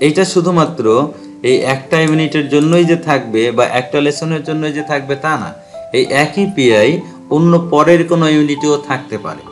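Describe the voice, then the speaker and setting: A man's voice: on the high side, soft background music. Patient man explaining a spreadsheet tutorial. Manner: patient step-by-step explaining, reads English phrases out slowly. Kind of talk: screen-recorded tutorial.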